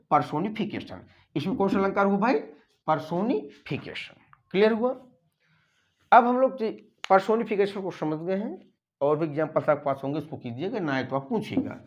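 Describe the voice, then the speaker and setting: A man's voice: high voice, lo-fi sound. A man teaching an exam-prep grammar lesson, asking the class questions, repeating his points and dictating English words letter by letter. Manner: explains slowly, dictating English words and spelling them out letter by letter.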